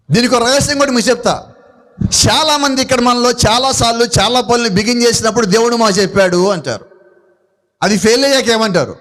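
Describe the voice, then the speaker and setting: Man, Telugu accent, very high voice, preacher, sermon, asks and answers questions. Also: fairly bright tone. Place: church gathering.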